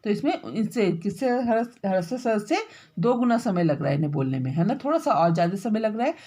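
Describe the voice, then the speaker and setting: A woman teacher giving a grammar lesson, dictating notes slowly and repeating words as she writes, with frequent checking tags to her pupils. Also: medium pitch, lively intonation, mellow. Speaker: school teacher. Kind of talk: classroom grammar lesson while writing.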